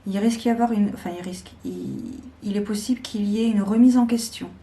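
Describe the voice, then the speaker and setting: Slow, mellow-voiced woman reading tarot. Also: mid-range voice, fairly even intonation. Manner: slow, deliberate, with hesitations. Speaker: tarot reader. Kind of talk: weekly tarot guidance.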